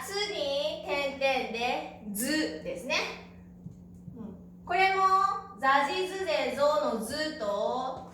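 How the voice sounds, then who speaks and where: A woman with a high, fairly bright voice teaches a beginner Japanese lesson, patiently spelling out each syllable and affirming with small "un" sounds. The slow, clear classroom delivery is captured in a very echoey room with a little hiss or hum.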